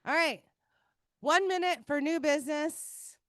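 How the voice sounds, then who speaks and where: High-pitched woman calling out raffle numbers. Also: unhurried, fairly bright tone, no room sound, studio quality. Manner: announces ticket numbers like a raffle caller, with exclamations. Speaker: meeting host running a raffle.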